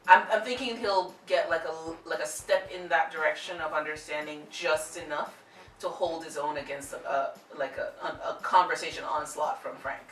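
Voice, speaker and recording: A woman's voice: low-pitched, moderate pace, a bit bright, slight background noise. A woman co-hosting an anime reaction, explaining characters in an earnest casual chat. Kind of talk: casual group discussion. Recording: roomy echo, mic at a distance.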